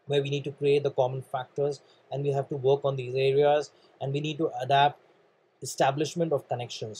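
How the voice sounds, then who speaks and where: A slightly high-pitched man speaking Indian English, his voice husky and frayed by a nagging cough. He coaches listeners through a motivational training talk, earnest and repetitive, calling them "guys" as he drives each point home. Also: a little mellow, rough recording. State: coughing, clearing throat. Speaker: sales and networking trainer.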